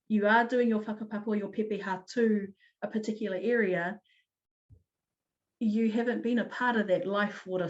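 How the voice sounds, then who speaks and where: A woman presenting an online teaching talk, explaining in an upbeat way with quick restarts. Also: mid-range voice, lo-fi sound.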